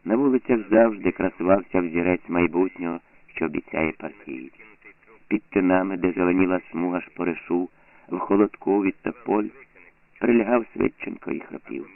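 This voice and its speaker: A man reads an audiobook in a measured, somber way. His voice is very deep with a gravelly fry, and the recording is thin and tinny like a phone line. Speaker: narrator. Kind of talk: audiobook narration.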